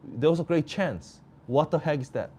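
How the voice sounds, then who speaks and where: A tired man chatting through a live soccer match from home, rambling between plays and jumping up in excitement at chances, with an air conditioner running in the room. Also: fairly high pitch, moderate pace. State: tired, yawning. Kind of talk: casual live watch-along commentary. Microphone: home mic without noise canceling. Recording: faint air-conditioner hum behind. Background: air conditioner hum.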